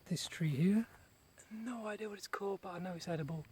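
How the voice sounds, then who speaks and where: A man giving a casual, unscripted garden tour outdoors, speaking in short phrases with pauses between them. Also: high voice, mellow. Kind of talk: casual rambling vlog narration. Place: outdoors in a large rural garden. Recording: noisy outdoor recording with nature sounds.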